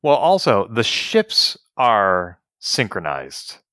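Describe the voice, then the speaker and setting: Brief: male podcast co-host, low voice, dry close mic, opinionated, analytical, casual. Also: wildly swooping pitch, slow pace, pushed and bright, dry recording. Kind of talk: casual chat.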